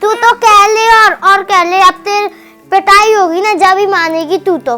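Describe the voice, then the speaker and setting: A harsh, threatening housemaid, played by a woman in a home-made short drama. Her voice is very high and sharp, with a cruel, scolding tone. Soft music plays behind her. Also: steady tone, unhurried, full character voice.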